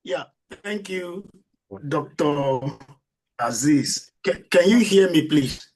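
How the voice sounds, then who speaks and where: Male academic presenter on a conference call: unhurried, formal, courteous and deferential. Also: fairly high pitch, animated, a little mellow, husky, rough recording.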